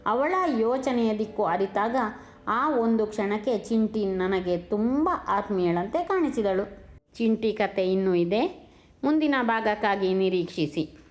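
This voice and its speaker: Woman narrating a storybook calmly. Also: mid-range voice, unhurried. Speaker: storyteller, channel host. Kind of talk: audiobook narration.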